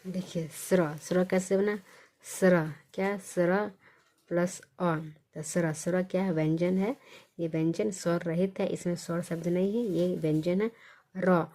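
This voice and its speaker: A woman teaching a basic reading lesson, asking questions and answering them herself, repeating each sound slowly. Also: lowish voice, steady tone, warm tone.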